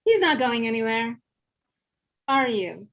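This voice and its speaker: A woman's voice: a little high, very animated, slow pace, heavily acted. A woman in a live script reading, playing a cool, dry, confident mutant heroine. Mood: cool, unimpressed.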